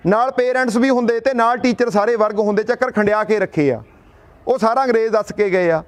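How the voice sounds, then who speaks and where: A middle-aged man from Punjab giving an impassioned speech at an outdoor protest, firing rhetorical questions and telling folksy stories. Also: very high-pitched. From Punjab, India. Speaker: speaker at a protest sit-in.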